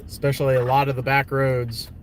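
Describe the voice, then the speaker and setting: A man's voice: medium pitch, little pitch movement, fairly quick. A man giving casual live commentary as a storm chaser from inside a car, talking conversationally with hesitant phrasing. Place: in a car on the road. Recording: noisy vehicle interior, road noise.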